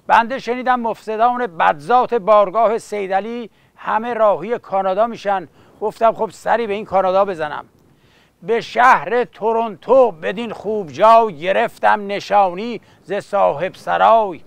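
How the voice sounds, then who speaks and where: A man's voice: sits high, gravelly, dry recording. A man storytelling in the manner of an epic teahouse bard, theatrically reciting satirical verse and addressing his listeners in asides.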